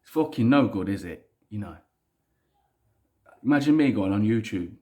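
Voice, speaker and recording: A man with a Leicester accent speaks in a fairly low voice, recorded in an echoey room. He rambles casually without a script. His manner is blunt and self-deprecating, with plenty of swearing. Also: lively intonation, normal speed, warm tone. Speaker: maker presenting a DIY project vlog. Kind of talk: casual unscripted monologue. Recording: roomy, echoey indoor sound.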